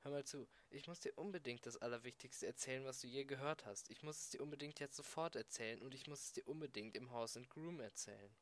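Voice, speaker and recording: A man's voice: medium pitch, fast talker, hardly any pauses, natural voice. Brief: coaxing scheming alien pal, done by a man reading an amateur audiobook, patient and persuasive, slightly raised voice. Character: smooth-talking scheming alien friend, adult man.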